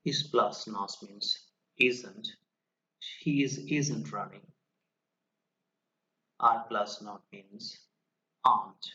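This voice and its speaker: Low-voiced man teaching an online grammar class. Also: bright, forceful tone, highs cut off. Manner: slow, explanatory, reads example sentences aloud. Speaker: English teacher.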